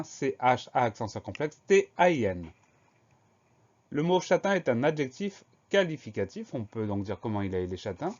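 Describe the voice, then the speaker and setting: Male teacher, spelling lesson, deliberate letter-by-letter delivery, slightly muffled recording. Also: medium pitch, a little mellow. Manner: slow, clear spelling out letter by letter.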